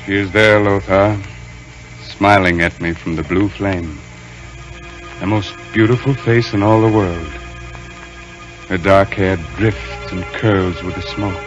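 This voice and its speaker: An actor playing a suave, calmly commanding stage magician with theatrical, deliberate, formal diction, in old-time radio style. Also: male voice, low-pitched, muffled recording, over music. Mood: dreamy. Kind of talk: 1940s radio acting. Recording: noisy old radio recording.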